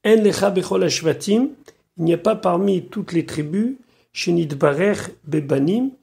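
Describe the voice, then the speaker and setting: A man's voice: high voice, gravelly, warm tone. A man, a rabbi, giving a Torah study lesson, reading Hebrew phrases and explaining them one by one. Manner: slow, measured delivery with pauses. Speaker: rabbi teaching weekly Torah portion.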